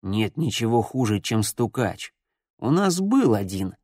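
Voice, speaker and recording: Storybook villain kid, tall and cold teen boy, slow quiet threats, voiced by a man reading aloud, dry close sound. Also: fairly low pitch, sing-song, no echo. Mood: menacing. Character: tall menacing teenage boy gang leader, cold.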